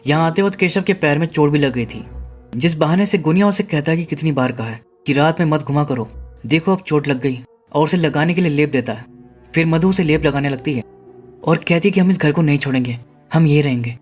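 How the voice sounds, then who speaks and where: A man's voice: fairly high pitch, brisk, soft background music. A man narrating a horror movie recap, steadily retelling the plot and paraphrasing the characters' lines. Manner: steady storytelling, paraphrasing dialogue. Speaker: movie explainer.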